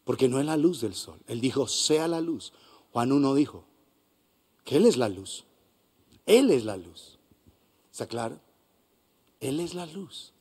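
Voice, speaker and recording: A man with a Colombian accent preaching a sermon as pastor, swinging between hushed and loud passages. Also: mid-range voice, lively intonation, a little slow, long pauses, husky. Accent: Colombian Spanish. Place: church hall.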